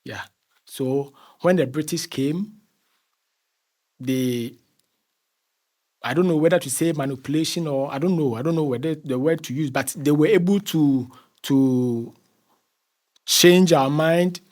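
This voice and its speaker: Speaking at a measured pace with frequent pauses, this interview guest from Ghana has a fairly high, somewhat mellow voice and a Ghanaian accent. His explanations are conversational, and he tends to repeat phrases as he searches for the right words.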